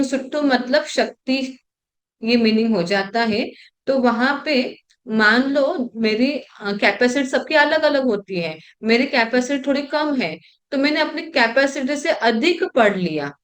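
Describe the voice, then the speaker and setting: A woman with a somewhat high voice leads an online scripture class. She explains each term patiently, step by step, and often asks rhetorical questions and fills pauses with a soft hmm. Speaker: religious class trainer.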